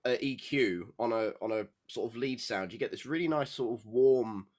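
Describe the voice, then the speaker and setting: A man's voice: medium pitch, moderate pace, a little mellow. A man, a guest on a podcast, talking casually and rambling, with many fillers. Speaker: podcast guest, music composer. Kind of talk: casual chat.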